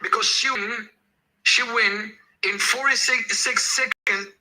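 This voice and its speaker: An Algerian man calls into an online audio discussion as an audience member, giving an impassioned speech that is insistent and repetitive. His voice is extremely high-pitched and sharp, with a steady tone, and he speaks slowly. The recording quality is low.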